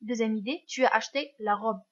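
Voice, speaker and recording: A woman's voice: a little high, a little fast, lo-fi sound. A woman teacher giving a grammar lesson, patient and careful, often checking that her students follow. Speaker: French teacher.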